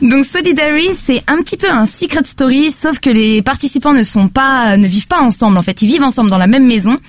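High-voiced chatty French woman. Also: brisk. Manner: chatty, animated, many fillers. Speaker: podcast reviewer. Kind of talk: casual podcast review.

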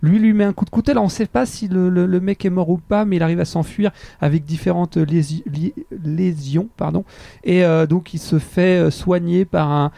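A man with a gravelly, fry-edged voice chats casually as a podcast co-host, stumbling through his sentences with plenty of fillers and restarts. His tone is dark and mellow, pitched a little high, and the recording is close and dry. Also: steady tone, dry recording. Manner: rambling, halting, many fillers and restarts. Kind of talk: casual chat.

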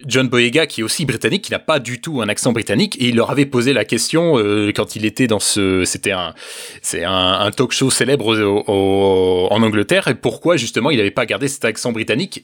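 A man with a fairly low voice talks casually on a podcast. He stops and restarts, searching for words as he goes. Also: fairly bright tone. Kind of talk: casual chat.

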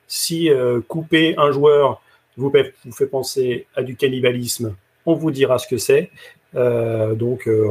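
A man's voice: mid-range voice, a little mellow, slightly rough. A man hosting a casual live football talk show, joking and handing the floor to his co-hosts. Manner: jokey, leads the segments and hands over.

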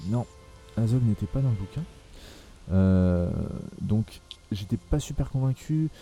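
Young male podcast host, low dark voice, hesitant, filler-heavy delivery, faint music behind. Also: lively intonation, unhurried. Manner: hesitant, many fillers and restarts. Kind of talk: casual film discussion.

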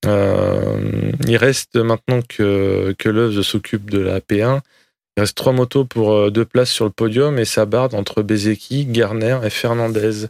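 Guy doing motorsport commentary race recap, slangy and jokey, bit of gravel, no room echo. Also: fairly low pitch, steady tone, unhurried, a little mellow. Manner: colloquial, joking, slangy.

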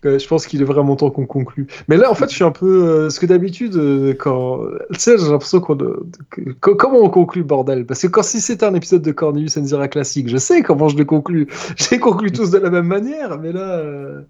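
A man's voice: on the high side, animated, brisk, darkish tone. A man hosting a podcast in casual chat, rambling and hesitant, often joking at his own expense. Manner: rambling, hesitant, self-mocking. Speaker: podcast host. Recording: dull lo-fi sound.

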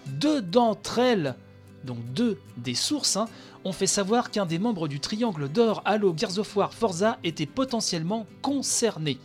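A man hosting a solo podcast, talking through news in a chatty way, with many fillers while reading and quoting an article. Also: fairly high pitch. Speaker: podcast host.

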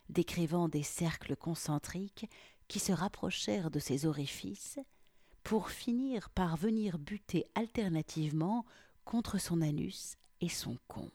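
A woman reading an erotic story aloud in a hushed, half-whispered delivery, close to the mic. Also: fairly low pitch, measured pace, no echo. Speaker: narrator.

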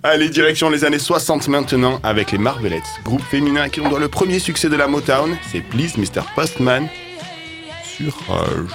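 A man's voice: a little high, lively intonation, normal speed, over music. A man hosting a radio show, bantering and joking with his co-hosts. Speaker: radio host.

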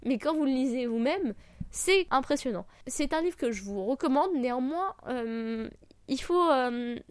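A woman hosting an informal book podcast, sick, with a slightly broken, gravelly voice and a hesitant, self-deprecating way of talking. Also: high-pitched, animated, a little slow, no room sound. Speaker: podcast host. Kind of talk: informal book review podcast, unscripted talk.

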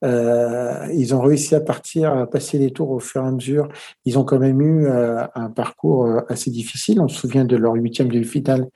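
Male pundit, mellow and a bit husky, halting tactical chat. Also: medium pitch, fairly even intonation. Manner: hesitant, many filler sounds. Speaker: football co-commentator. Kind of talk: casual match commentary.

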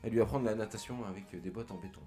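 A man voicing a pushy male demon boss with a put-on Italian accent, brisk and businesslike with a hint of menace. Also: lowish voice, dark tone, faint music behind, pitched below the performer's own voice, lightly acted.

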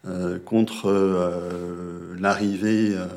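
A man giving a film recommendation in casual talk, halting and searching for words with many fillers. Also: sits low, level tone, a little mellow.

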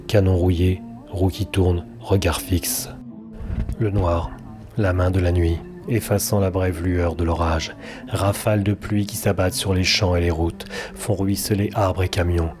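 A man reading a dark story aloud as the narrator, with a measured, deliberate delivery and long pauses. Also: sits low, little pitch movement. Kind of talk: dramatic audiobook story reading. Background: faint background music.

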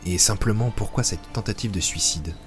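A man narrating a science-fiction audio drama in a measured, even way. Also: lowish voice, music in the background.

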